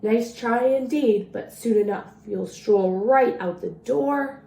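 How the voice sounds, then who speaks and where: Reading a rhyming picture book aloud, a woman voices a boastful, mischievous old male leprechaun, teasing and playful. Her voice is fairly high, slow, creaky and mellow. The space is roomy, with echo and faint background noise.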